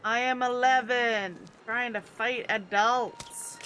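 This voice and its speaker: A woman's voice: on the high side, steady tone, takes it slowly, a bit bright, a little hiss or hum. A woman giving casual, wry, rambling commentary as she plays a video game. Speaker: gamer commenting on her playthrough.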